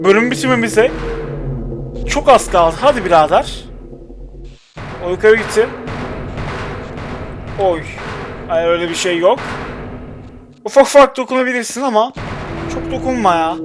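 A man's voice: high voice, animated, normal speed, pauses often. A young man commentating his own gameplay, chatting and muttering to himself and at the game characters as he plays. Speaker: gaming channel host. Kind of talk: let's play commentary. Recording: game music underneath. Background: game music and sound effects.

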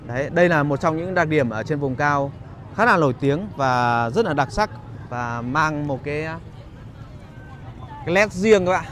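A man giving a casual walking vlog commentary as a guide, pausing often on fillers as he talks to viewers. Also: fairly high pitch, lively intonation, a bit bright. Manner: hesitant phrasing with frequent filler pauses. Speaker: market vlogger and guide. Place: outdoors in a busy rural street market. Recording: noisy outdoor market street ambience. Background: market bustle and vehicles.

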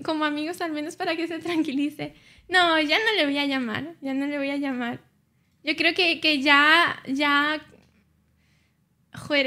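A woman's voice: high-pitched, pushed and bright. A young woman streaming live, chatting casually and playfully with her viewers and teasing them back.

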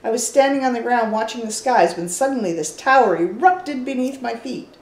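An older woman voicing an excitable, fussy male researcher obsessed with birdmen, reading game dialogue aloud in a lively, theatrical way. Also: a little high, a little fast, pitched above the performer's own voice. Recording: roomy echo.

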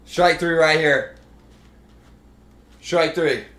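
Young adult male streamer, slightly high voice, unhurried pace, echoey room, brash trash-talking game commentary with swearing. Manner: swearing, cocky, excitable sports-fan chatter. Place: indoor room, streaming setup. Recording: roomy, echoing room sound.

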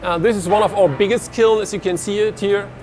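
A man's voice: high voice, steady tone, fairly quick, darkish tone, a little hiss or hum. A man, giving a walking tour of an industrial hall and explaining with his hands as he talks into a lapel mic. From Germany. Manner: explains with hand gestures, frequent restarts. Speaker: researcher giving a lab tour. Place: large industrial hall, indoors.

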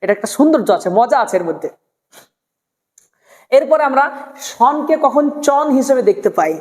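A woman teaching an English pronunciation class, fairly high-voiced. She stretches each word slowly, repeats it and quizzes the viewer. The sound carries a long echoing reverb. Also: lively intonation, a little mellow. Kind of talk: spoken English lesson.

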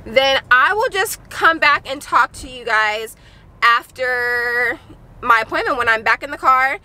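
A woman's voice: high-pitched, animated, a little slow, pushed and bright. A woman in her thirties chatting casually and nervously to viewers on a handheld camera, candid and talkative. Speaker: family vlogger. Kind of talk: casual vlog chat to viewers. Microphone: handheld camera at arm's length.

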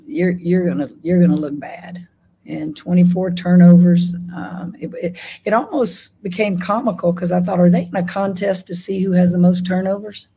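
A woman's voice: lowish voice, mellow, breathy edge, low-quality recording. A woman basketball coach answering questions at a postgame press conference, candid and wry about her team's mistakes, speaking into a table microphone.

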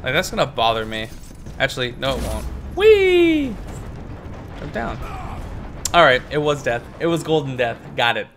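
A young man hosting a gaming channel, commentating his play with loud, profane, raging outbursts. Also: medium pitch, quick pace, a little hiss or hum. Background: game music.

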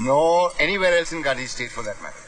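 A man's voice: fairly high pitch, animated, quick pace, soft background music, poor audio. Genial middle-aged family man. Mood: polite, friendly. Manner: polite, gently humorous.

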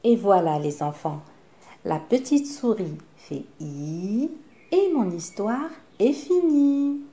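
A woman's voice: medium pitch, very animated, takes it slowly, dark tone. Woman reading a story to children. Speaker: teacher.

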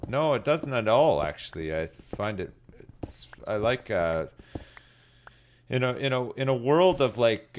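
A man's voice: lowish voice, a little hiss or hum. A middle-aged man giving rambling, laid-back, sweary commentary as he streams a game and chats with viewers. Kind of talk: casual live gaming commentary, chatting with viewers. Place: indoors at a desk, streaming.

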